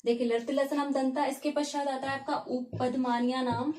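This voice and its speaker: Higher-voiced woman teaching in an echoey room. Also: level tone, moderate pace, darkish tone. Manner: repeats key terms and asks herself questions. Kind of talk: classroom-style lesson.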